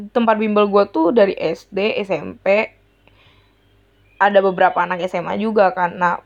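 A woman's voice: medium pitch, vocal fry. Slangy young woman telling a story. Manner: slangy, exasperated, animated retelling. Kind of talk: personal storytelling monologue. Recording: dull lo-fi sound.

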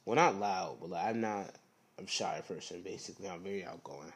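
A young man hosting a casual solo podcast, talking low in a rambling, slangy way with lots of "you know what I'm saying.". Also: fairly quick. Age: young adult. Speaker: podcast host.

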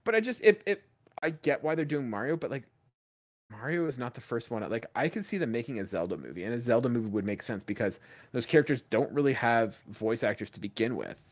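A man talking casually on a podcast from a remote call. His pitch swings widely as he talks, and he rambles, stacking fillers as he works through his thoughts. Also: fast talker. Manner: rambling, animated, lots of "like" fillers. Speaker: podcast co-host. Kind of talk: casual chat.

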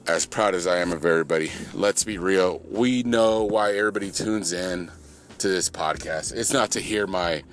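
A man's voice: normal speed, a little hiss or hum. A man coaching at a gym, recapping the day's workout for his podcast in a casual, joking way, full of fillers and playful hype. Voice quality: low monotone voice, by his own joke.

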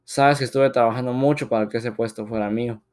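A young working woman, wounded and close to tears, as a male storyteller reads her part. Her words come out aggrieved and strained, in a plain mid-pitched voice. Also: steady tone, fast talker, darkish tone, natural voice. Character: young woman, frustrated office worker.

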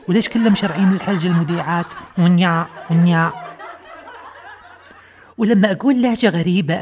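Brief: quick-talking Kuwaiti woman, podcast host, sarcastic and mocking comic monologue. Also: mid-range voice, a little mellow, a little hiss or hum.

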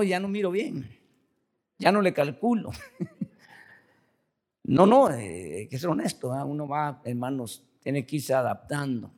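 A man's voice: fairly high pitch, darkish tone. An older man, a pastor, preaching a sermon in a loose, conversational way, full of repeated words and tag questions to the congregation. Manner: addresses the congregation as brothers throughout.

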